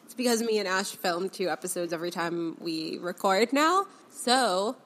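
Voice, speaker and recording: A woman's voice: medium pitch, expressive, normal speed, a bit bright, a little hiss or hum. A young woman co-hosting a casual podcast, congested and nasal from a cold, chatty and full of "like". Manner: chatty with filler "like". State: congested, sick. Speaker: podcast co-host.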